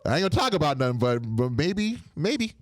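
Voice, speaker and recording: A man's voice: on the high side, very animated, fast talker, no room sound. A man who is a comedian, chatting casually as a podcast guest with a joking, playfully boastful manner, recorded in a studio. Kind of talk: casual podcast interview chat.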